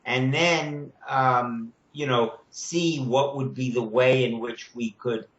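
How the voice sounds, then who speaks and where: A man in his seventies speaking on a video call, measured and halting, with many "you know" fillers. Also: mid-range voice, steady tone. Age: 70s. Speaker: children's media producer. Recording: echoey, muffled video call audio.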